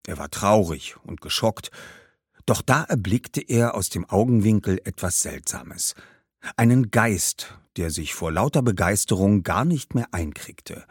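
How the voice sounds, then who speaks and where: A man narrating a history story for children in a lively, explanatory way. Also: lowish voice, measured pace, husky, no room sound, clean studio sound.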